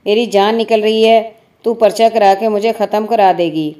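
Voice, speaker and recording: A woman's voice: mid-range voice, steady tone, mellow, natural voice. A woman voicing a poor, injured male laborer who pleads and frets in a spoken story. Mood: fretful. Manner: whining, pleading.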